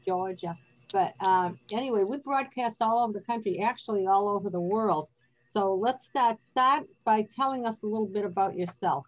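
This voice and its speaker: Older female host, middle pitch, chatty and rambling, muffled video-call sound. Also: normal speed. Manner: chatty, rambling, laughs easily. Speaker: host, attorney. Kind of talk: casual talk-show chat.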